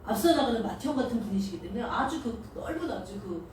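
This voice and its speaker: A woman delivers a sermon in a chatty, storytelling way, her pitch high and swinging widely. Her tone is soft and mellow. The sound comes from a distance in a very reverberant space with a faint hiss underneath. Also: lively intonation, quick pace. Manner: conversational, storytelling with acted quotes. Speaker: preacher. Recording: echoey hall, distant mic, faint noise.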